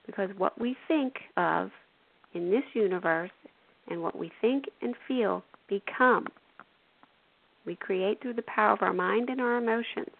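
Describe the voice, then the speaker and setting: Gravelly woman hosting spiritual radio talk. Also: mid-range voice, a little slow, no room sound. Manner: gentle, coaching, adds "you know" and "right". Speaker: radio show host and intuitive. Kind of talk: spiritual self-help talk. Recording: tinny phone-like radio audio.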